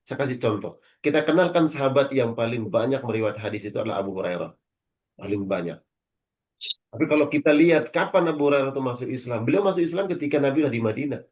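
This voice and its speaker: A man teaching as a religious scholar, speaking calmly and in a measured way about faith and good conduct. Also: mid-range voice. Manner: calm, measured preaching. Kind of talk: religious lecture.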